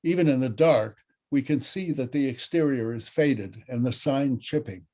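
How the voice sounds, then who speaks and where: A man reads out the stage directions of a script in a dry, matter-of-fact voice. His voice is mellow and warm, in a middle pitch. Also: moderate pace. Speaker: narrator.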